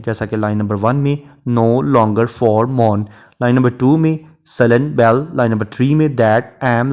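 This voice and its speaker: Man slowly reading verse, then explaining. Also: medium pitch, a little mellow. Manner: reads English verse lines very slowly, then explains in Urdu-flavoured Hindi. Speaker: literature lecturer. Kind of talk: recorded lecture.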